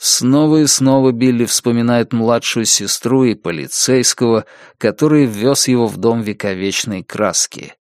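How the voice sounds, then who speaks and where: A man giving a steady, measured scripted narration of an audiobook. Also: medium pitch, no room sound, studio quality.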